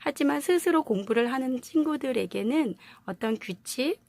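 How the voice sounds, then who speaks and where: A woman's voice: high-pitched, lively intonation, moderate pace, vocal fry, darkish tone, a little hiss or hum. A woman teaching language pronunciation in a video lesson, explaining patiently and asking her viewers rhetorical questions.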